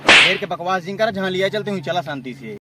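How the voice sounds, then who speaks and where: A man's voice: high-pitched, expressive, fairly quick. A man with an Awadhi accent acting in a comedy sketch as a bossy, scheming villager out to score ganja. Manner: bossy, scolding. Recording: noisy outdoor recording, distant mic, vehicle sounds.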